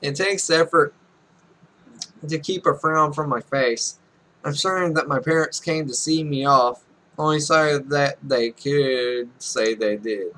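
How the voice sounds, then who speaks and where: This young man, in his twenties, streams Let's Plays from a small room at home, reading game text with joking, self-deprecating remarks. His voice is fairly high and sharp, and the audio quality is poor.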